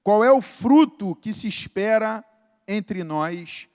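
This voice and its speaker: A man preaching a sermon as pastor, an animated storyteller speaking in a church hall. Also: high voice, slow. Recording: reverberant hall.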